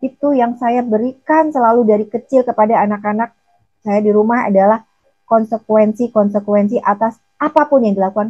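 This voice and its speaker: A middle-aged woman giving a gentle talk to parents as a parenting coach, calling her listeners dear and acting out what parents say. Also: on the high side, no room sound, dull audio.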